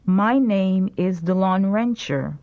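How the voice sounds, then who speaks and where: A woman's voice: medium pitch, expressive, slow pace, a little mellow. A woman reading phrasebook lines for a language course, carefully enunciated. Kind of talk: slow scripted phrasebook drill. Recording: dull lo-fi tape recording.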